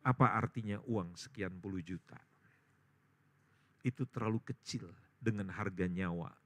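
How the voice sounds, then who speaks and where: A male pastor preaching a sermon, swinging between loud emphatic peaks and quiet storytelling. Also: deep voice, unhurried. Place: church service.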